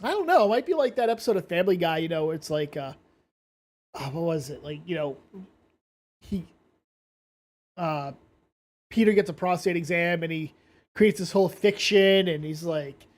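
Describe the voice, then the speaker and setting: A man's voice: fairly high pitch, animated, normal speed, pauses often. A man hosting a casual commentary stream, rambling and blunt, swearing freely and sounding drowsy from medication. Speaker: commentary channel host.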